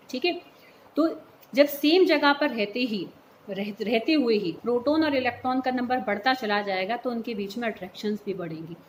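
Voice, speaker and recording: Woman teacher, fairly high voice, patient explainer, echoey room with faint hum. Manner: patient, explains step by step, checks understanding by calling students "beta". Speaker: chemistry teacher. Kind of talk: classroom lecture mixing Hindi and English terms.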